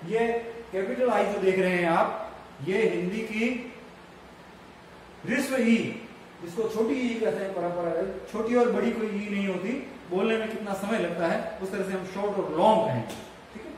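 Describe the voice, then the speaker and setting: Slow high-voiced Indian man teaching phonetics. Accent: Indian English. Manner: slow, deliberate, spells words out letter by letter. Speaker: English teacher trainer. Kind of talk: bilingual phonetics lecture. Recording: echoey room, voice from a distance, faint background noise.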